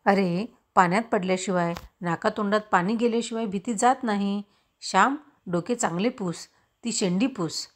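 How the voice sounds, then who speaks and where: A woman reading aloud gives voice to a strict village mother, sharp-tongued and forceful with her son. Her voice sits at a middling pitch and carries the firm tone of a storybook parent. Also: moderate pace, lightly acted. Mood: gentle. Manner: scolding, forceful.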